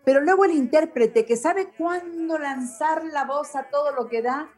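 Mexican lady radio host, gushing and excitable, pretty high voice. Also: moderate pace. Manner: exclamatory, effusive, affectionate. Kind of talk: radio interview.

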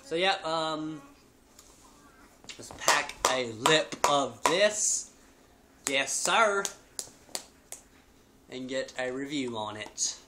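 A man's voice: mid-range voice, animated, drawn-out words, long pauses. A man in his twenties hosting a casual review video from his living room. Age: 20s. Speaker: video host. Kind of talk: casual product review chat. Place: living room at home, indoors. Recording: noisy home webcam recording.

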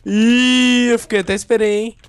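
A man from Brazil chatting while playing a video game, excitable and given to wailing when he loses. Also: very high-pitched, moderate pace, clear, resonant tone, no room sound. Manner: excitable, yells and wails when losing. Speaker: gamer co-host. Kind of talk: casual gameplay banter.

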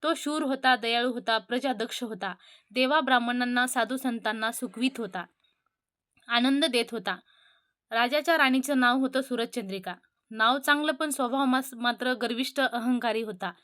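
A woman narrating a devotional folk tale in a homely way, pausing with fillers and restarting words. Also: a little high, a bit bright. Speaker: storyteller.

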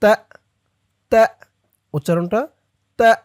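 A teacher walks viewers through recitation step by step, speaking rapidly between drawn-out chanted lines and asking for each to be repeated back. The pitch is medium, and the studio-quality audio has no room sound.

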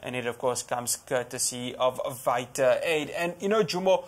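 A young man with a South African accent presenting on a TV shopping show, pitching a product in an upbeat sales manner. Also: moderate pace. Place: TV studio set.

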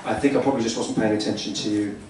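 A stand-up comedian in his thirties does improvised crowd work on a small comedy club stage, talking very fast in a lowish, fairly even voice, rambling, exasperated and repeating himself. His handheld stage mic is picked up from the room by a distant camera, so the sound is echoey, with loud crowd noise and audience laughter.

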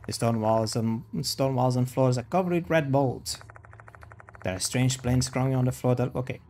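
A man's voice: medium pitch, moderate pace, darkish tone, slight background noise. A man streaming a game, reading its text aloud and adding casual commentary.

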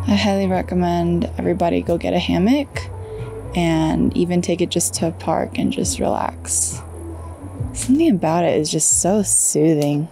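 A woman's voice: lowish voice, dark tone. Chatty young woman vlogging at camp. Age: young adult. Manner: chatty, storytelling, playful asides to viewers. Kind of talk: casual vlog chat to camera. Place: campsite outdoors and inside a car. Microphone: camera held at arm's length.

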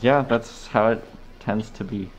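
A man with a deep, low voice chats with strangers on a video call. He stays calm and dry and keeps teasing them. He talks from inside a fursuit head. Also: a little slow, slight background noise. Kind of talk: casual video chat. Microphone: talking from inside a fursuit head.

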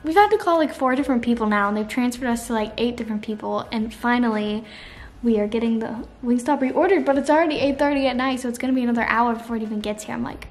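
A woman's voice: on the high side, fast talker. A young woman chatting casually to a handheld camera in a playful, teasing way as she vlogs. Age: young adult. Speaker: vlogger. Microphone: camera at arm's length. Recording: noisy outdoor handheld camera, background ambience.

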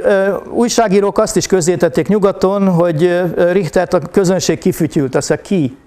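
A man giving a public history lecture to an audience, pausing often with filler sounds and addressing listeners politely. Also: on the high side, mellow. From Hungary. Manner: hesitant, frequent filler sounds. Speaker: university lecturer.

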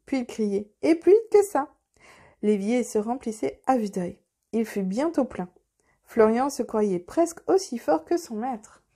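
A woman narrating a children's audiobook in a gentle, expressive way. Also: on the high side, measured pace. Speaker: storyteller.

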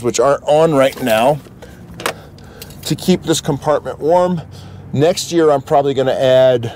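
A man's voice: mid-range voice, darkish tone, slight background noise. A man giving a casual, matter-of-fact walkthrough as an RV vlog host.

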